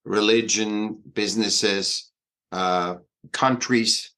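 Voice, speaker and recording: A man in his sixties from Austria with an Austrian accent, a guest artist talking in a halting way, full of fillers and restarts. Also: fairly low pitch, fairly even intonation, sharp tone. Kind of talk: conversational interview.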